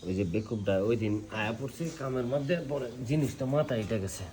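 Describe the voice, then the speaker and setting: An actor playing a sly secret lover who talks in a low, confiding way. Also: male voice, fast talker, darkish tone, a little hiss or hum, lightly acted. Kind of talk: short film acting.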